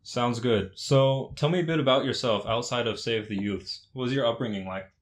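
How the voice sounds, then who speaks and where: A man's voice: medium pitch, moderate pace. A man hosting a casual interview, asking easygoing questions with short affirmations in between. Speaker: interview host.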